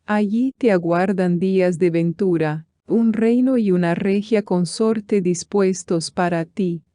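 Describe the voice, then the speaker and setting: A woman's voice: medium pitch, slow pace, dark tone, no room sound, natural voice. A woman reading the lines of a wife's ghost, in a solemn, consoling manner. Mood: solemn, tender. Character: ghost of a grieving young wife.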